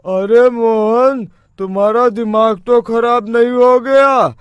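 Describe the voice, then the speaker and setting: Man acting a very high-pitched scolding villager. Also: fairly even intonation, clean tone, no echo, dull audio. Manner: reproachful, drawn-out. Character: scolding, alarmed male villager, the groom's friend. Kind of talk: cartoon story acting.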